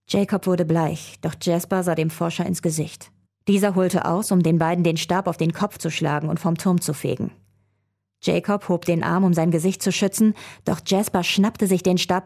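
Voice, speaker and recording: A woman reading a children's adventure story aloud, telling it in a calm, even way. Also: fairly low pitch.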